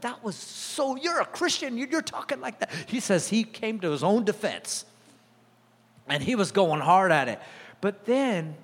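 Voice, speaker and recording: A man preaching a sermon, telling stories and acting out quotes with sudden jumps in his voice. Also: big-room sound. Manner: animated, acts out quotes with sudden pitch jumps. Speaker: pastor. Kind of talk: sermon with storytelling.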